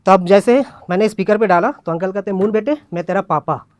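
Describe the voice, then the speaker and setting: This stand-up bit has a young man at an open mic recounting a comic story and performing his friends' voices along the way. His voice sits high and the pace is fairly quick, captured in studio quality with no room sound.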